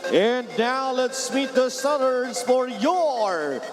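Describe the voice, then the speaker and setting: A man's voice: extremely high pitch, expressive, takes it slowly. A man with a Filipino accent announcing like a showman in an arena, stretching out player names over music. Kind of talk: hyped arena sports announcing with drawn-out names. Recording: music behind the voice. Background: loud music.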